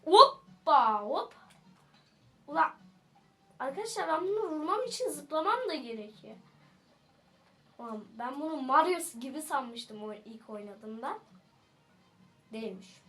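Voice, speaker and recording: A woman giving casual gameplay commentary as a streamer, jokey and excitable, teasing the enemies with sudden shouts. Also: high-pitched, a little slow, pauses often, faint music behind. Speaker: gaming streamer.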